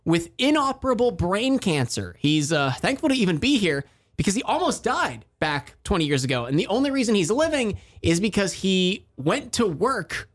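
A man hosting a radio morning show, chatting in an animated way and laughing often. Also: sits high, moderate pace.

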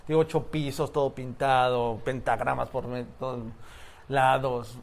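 A man's voice: medium pitch, level tone, a little slow. A man with a Mexican Spanish accent telling a story in a casual chat, full of slang, laughing often and acting out the voices of the people in it. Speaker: podcast co-host telling a story.

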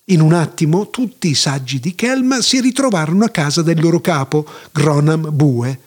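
A man reading a storybook tale aloud in a playful, animated way. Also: fairly high pitch, normal speed.

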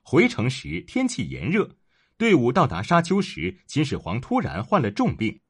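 A man narrating a historical story in an expressive, dramatic storytelling manner. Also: medium pitch, moderate pace, slightly rough.

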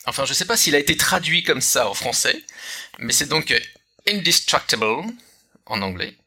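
A man's voice: medium pitch, lively intonation, a little fast, vocal fry, bright, forceful tone, slightly rough. A man hosting a casual podcast chat, hesitant, with many filler sounds and restarts. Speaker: podcast host.

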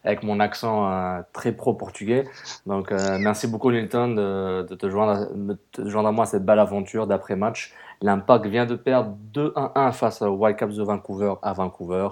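A man with a Québécois French accent co-hosting a casual sports podcast, lively and jokey, with many hesitations. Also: lowish voice, normal speed. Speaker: podcast co-host.

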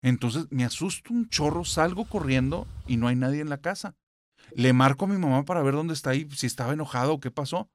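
A man's voice: fairly high pitch, a little fast, no echo. Guy hosting a podcast, telling a scary story, dry close mic. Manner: animated retelling with quoted voices. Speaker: podcast host. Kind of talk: storytelling a horror anecdote.

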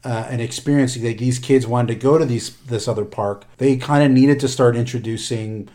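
A man co-hosting a casual chat, animated and joking, with many fillers and restarts. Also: medium pitch, moderate pace. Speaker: podcast co-host.

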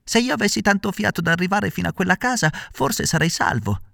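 A man doing a shrill, desperate puppet boy. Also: expressive, fast, vocal fry, pushed and bright, no room sound, clean studio sound, heavily acted. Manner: high, pleading cries.

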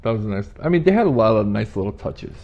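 A man's voice: lowish voice, big pitch swings, fast talker, a little mellow. A man co-hosting a casual podcast, joking and laughing as he talks about a movie. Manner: joking, laughs often, puts on silly voices. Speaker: podcast co-host. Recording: dull lo-fi podcast audio.

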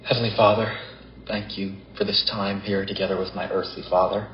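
A man playing a deep-voiced earnest young preacher. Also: a little fast, slight background noise, close to an everyday voice. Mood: prayerful. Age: young adult. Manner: calm and earnest. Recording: roomy dull TV soundtrack.

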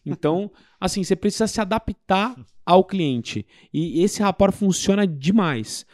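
A man talks through sales techniques in an emphatic, explanatory way. His voice sits a little high. The sound is dry and close. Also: animated, measured pace, a little mellow, no echo. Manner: explanatory, emphatic, practical examples. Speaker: business guest. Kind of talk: casual sales advice talk.

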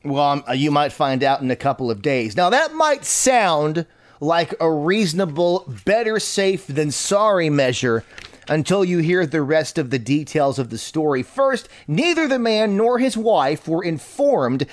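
Animated high-voiced man telling stories. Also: a little slow. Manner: animated, incredulous, jokey. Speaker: podcast host. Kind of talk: comedic storytelling chat.

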